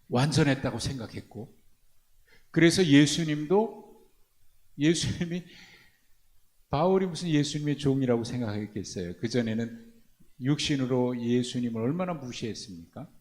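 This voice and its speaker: A male pastor preaching a sermon, asking his congregation rhetorical questions and swinging from hushed low phrases to loud emphatic ones. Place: church prayer meeting.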